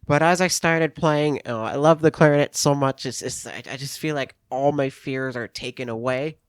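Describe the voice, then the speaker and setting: A man guest who talks with earnest hesitation, often stopping and restarting his sentences. His voice sits at a middling pitch and sounds dry and close. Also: fairly even intonation, moderate pace, clear, resonant tone, no echo. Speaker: guest clarinetist, talent show winner. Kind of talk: casual interview chat.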